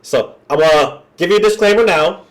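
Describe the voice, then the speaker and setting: A man's voice: high-pitched, brisk. A man with a congested, nasal voice from being under the weather, chatting casually to viewers as he hosts a reaction video. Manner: colloquial, chatty, addressing viewers as y'all. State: under the weather with a cold, wearing a nose strip.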